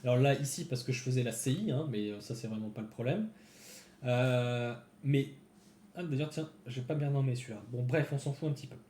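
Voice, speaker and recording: A man's voice: mid-range voice, brisk, dark tone, roomy sound, slight background noise. A man giving casual live-coding commentary to his viewers, thinking aloud as he types. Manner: thinks aloud, chatty, talks to viewers while typing. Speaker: developer streaming a coding session.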